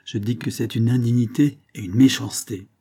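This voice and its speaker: A man voicing a blunt, ironic old bearded peasant, speaking gruffly and plainly in an audiobook. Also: medium pitch, steady tone, brisk, mellow. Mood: stern.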